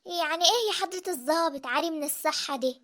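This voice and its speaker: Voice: very high-pitched, fast, a bit bright. A voice actor playing an insistent village woman who speaks Egyptian Arabic and keeps swearing oaths.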